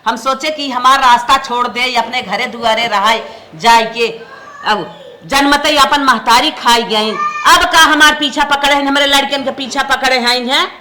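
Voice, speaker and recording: A woman with an Awadhi accent acting a spiteful, sharp-tongued village stepmother in a family comedy skit. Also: high-pitched, normal speed, a little hiss or hum. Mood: grumbling. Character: harsh, spiteful village stepmother, middle-aged.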